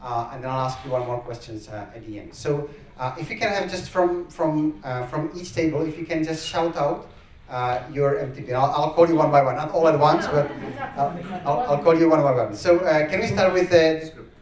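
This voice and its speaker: A man's voice: a little high, a little fast, darkish tone. A man running a workshop. He gives instructions with many fillers and encourages the groups. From Czech Republic. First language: Czech. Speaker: workshop facilitator. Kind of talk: workshop facilitation. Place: large conference hall. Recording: echoey hall, speaker far from mic.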